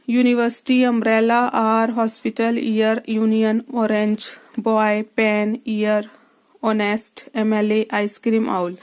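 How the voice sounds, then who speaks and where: A woman's voice: on the high side, a little mellow. A woman English teacher explaining grammar rules step by step, asking her students questions as she writes on a board. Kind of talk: classroom grammar lesson.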